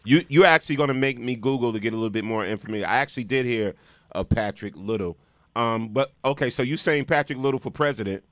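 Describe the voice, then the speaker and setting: A man hosting a call-in show like a morning radio DJ, chatting informally, repeating phrases and giving shout-outs. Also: mid-range voice, fast, no room sound.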